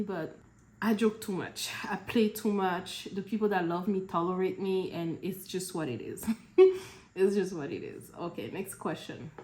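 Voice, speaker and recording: A young woman from Cameroon answering questions in a relaxed, chatty vlog, laughing between answers. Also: mid-range voice, reverberant. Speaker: vlogger. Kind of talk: casual Q&A vlog.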